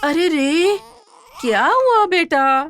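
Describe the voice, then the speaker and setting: A woman voicing a cruel, harsh stepmother who scolds in a shrill voice. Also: very animated, normal speed, fairly bright tone. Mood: doting. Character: cruel harsh stepmother, doting on her son.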